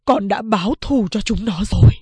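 A woman voicing a grim, fierce man who has returned to his family, speaking low and clipped. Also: moderate pace, warm tone, breathy edge, no echo. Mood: solemn. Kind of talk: audiobook character reading.

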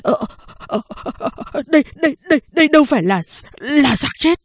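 A frightened man stammers and trips over his words, as a woman reader puts him on. His voice rises fairly high. The sound is close and dry. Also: animated, normal speed, no room sound. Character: frightened stammering male corpse-collector.

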